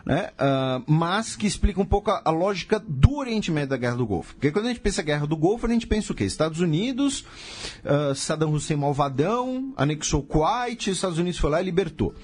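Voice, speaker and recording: A man's voice: on the high side, sing-song, quick pace, hardly any pauses, darkish tone. A man with a Brazilian Portuguese accent, hosting a podcast and explaining history in a casual way, full of rhetorical questions and sarcastic asides.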